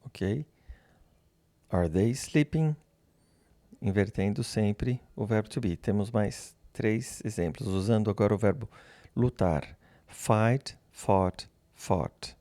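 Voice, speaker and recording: A man teaching English grammar, speaking slowly and patiently, repeating example phrases and pausing so learners can answer. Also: fairly low pitch, mellow, no echo. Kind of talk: slow, patient classroom explanation.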